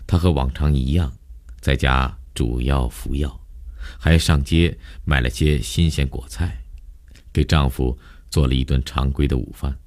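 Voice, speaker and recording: A man narrating a novel in the first person, in a measured, grave manner. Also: extremely low pitch, a little mellow. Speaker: audiobook narrator.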